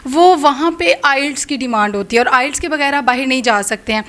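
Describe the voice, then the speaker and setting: A woman hosts the interview and asks polite, well-framed questions. Her voice is high. Between her questions she gives brief affirmations. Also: fairly bright tone.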